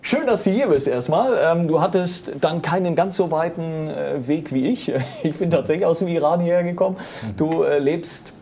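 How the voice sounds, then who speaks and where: A man hosts a casual studio talk show, a bit higher than most men and with a noticeable gravelly edge. He chats playfully and fills his questions with lots of small hesitations. A faint hiss sits under his voice. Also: normal speed, hardly any pauses, a little mellow. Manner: chatty and playful, many fillers.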